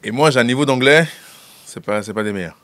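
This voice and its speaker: A man's voice: mid-range voice, fast talker, a bit bright, no room sound. A man guest on a casual interview, telling a story hesitantly with fillers and laughs. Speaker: guest filmmaker.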